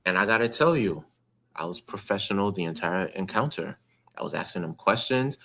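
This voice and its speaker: A man's voice: low-pitched, animated, fairly quick, fairly bright tone. A man hosting a podcast in casual conversation. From New York. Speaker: podcast host. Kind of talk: casual chat.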